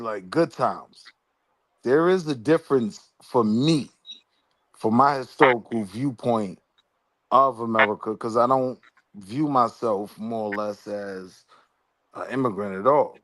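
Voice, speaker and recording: A man's voice: medium pitch, a bit bright, no room sound. A man calling into an open panel who argues his view earnestly in slangy casual speech. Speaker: panel caller. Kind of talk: casual debate.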